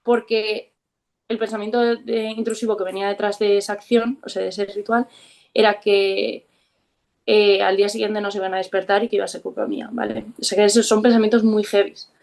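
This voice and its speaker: A woman's voice: medium pitch, flat delivery, a little fast, vocal fry. Candid woman with a Spain Spanish accent. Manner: frank, reflective, with soft hesitations. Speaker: interview guest. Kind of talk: candid personal storytelling.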